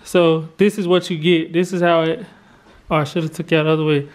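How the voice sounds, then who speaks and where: An American man around his thirties gives an informal, chatty house tour as a family vlogger, holding the camera at arm's length. His voice sits on the high side with a flat, brisk delivery, and background noise comes through clearly.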